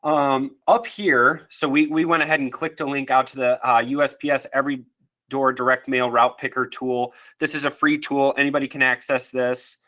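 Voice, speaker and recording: A man's voice: mid-range voice, steady tone, pushed and bright. Nasal-sounding man giving a webinar. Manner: casual, friendly, halting with fillers. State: nasal from allergies. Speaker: webinar presenter. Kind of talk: live webinar presentation.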